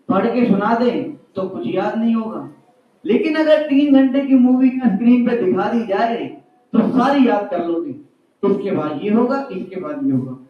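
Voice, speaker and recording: A man with a strikingly high voice leads a lesson for schoolchildren, telling a story and firing questions at the class. He sounds distant from the mic, and his voice rings through a very echoey school hall on a dull, muffled recording. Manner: lively, calls out questions to a class. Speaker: school speaker teaching children.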